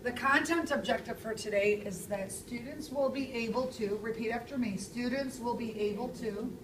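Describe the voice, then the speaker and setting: A woman in her thirties teaching a classroom language lesson, speaking clearly and stressing key words. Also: fairly high pitch, moderate pace, noisy background. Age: 30s. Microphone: far camera. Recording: echoey classroom from far off.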